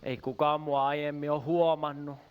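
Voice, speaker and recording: A woman voicing a glum donkey in a puppet show who doubts herself, speaking low-key and calm. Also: smooth, narrow, tinny audio, close to an everyday voice. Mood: touched. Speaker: puppet character.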